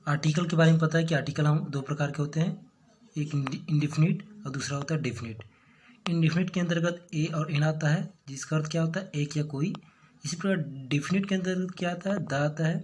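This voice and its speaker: A male teacher giving a grammar lesson, slowly explaining and answering his own rhetorical questions. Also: a little high, darkish tone, slight background noise. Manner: asks rhetorical questions then answers, checks with "okay"; slow, deliberate explaining. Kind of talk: classroom-style grammar lesson.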